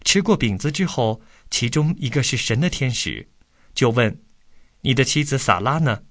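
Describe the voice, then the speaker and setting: A man calmly reading a Bible story aloud from a script, then posing study questions to listeners. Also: mid-range voice, moderate pace, no room sound, clean studio sound.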